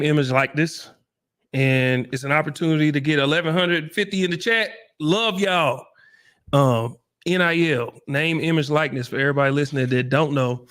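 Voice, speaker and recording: Laid-back middle-aged man giving advice. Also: a little high. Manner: relaxed, encouraging, folksy. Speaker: livestream host. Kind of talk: casual livestream chat.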